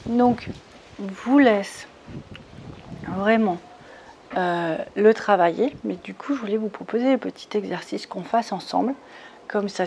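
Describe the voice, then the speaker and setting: Her mid-range voice has vocal fry and a darkish tone, with slight background noise, as this woman leads retreat participants in guided meditation. She leads them step by step, gently coaxing and soothing and frequently checking in with them.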